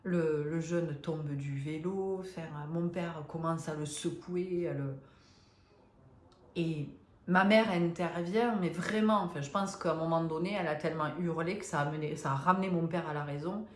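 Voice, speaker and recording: A woman's voice: sits low, moderate pace, slight background noise. A woman in her fifties telling a personal story to her viewers, hesitant and emotional, with many fillers and restarts. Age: 50s. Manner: emotional, confiding. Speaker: spiritual vlogger. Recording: roomy echo.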